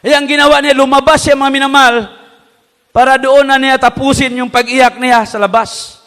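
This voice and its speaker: A woman preacher delivering a sermon. She keeps calling the congregation beloved and urges them to shout praise, and she swings between loud, high exhortation and hushed, low storytelling. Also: fairly even intonation, moderate pace. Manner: fervent, repeatedly addressing the congregation as beloved; calls the crowd to shout praise. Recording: long hall reverb.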